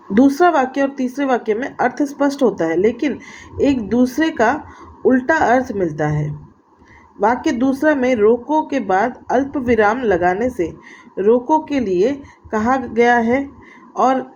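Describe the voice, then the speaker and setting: A woman explaining a grammar lesson, slow and deliberate, pausing mid-sentence and restarting with fillers. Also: a little high, a little mellow. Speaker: grammar teacher. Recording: dull lo-fi audio with faint background noise.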